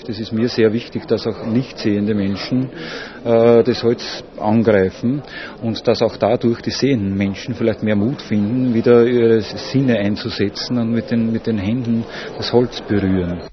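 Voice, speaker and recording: A man's voice: on the low side, fairly even intonation, normal speed. A man with an Austrian accent talking spontaneously in an interview, searching for words and repeating himself. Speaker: artist interviewee. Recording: dull recording, busy crowd behind.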